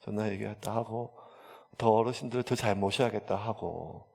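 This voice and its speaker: A man's voice: lowish voice, moderate pace, creaky, dark tone. A male pastor, chattily telling a story in a sermon, full of fillers. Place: church sanctuary. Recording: long church hall reverb.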